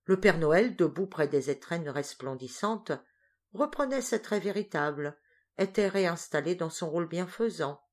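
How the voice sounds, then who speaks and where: A woman reads a novel aloud with a lower, grounded voice, lively and expressive in her storytelling. Her narration rises and leans into the drama of each scene. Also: moderate pace.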